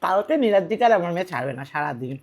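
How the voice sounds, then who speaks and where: On her home eating show, a woman in her thirties talks quickly in a lowish voice, playfully teasing and bickering. This mukbang vlogger shifts from soft and reflective to loud and animated.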